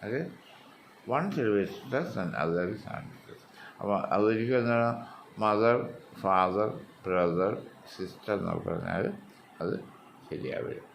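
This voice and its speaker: A man with a Malayali accent teaches a spoken English lesson in a fairly low voice. He explains point by point and drills words with heavy stress. A faint hiss runs under the recording. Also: measured pace, creaky.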